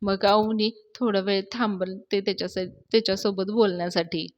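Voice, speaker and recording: A woman's voice: mid-range voice, fairly even intonation, moderate pace, highs cut off. A young woman hosting a serial review, narrating the episode in a storytelling way and addressing her viewers directly. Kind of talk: retelling a TV episode.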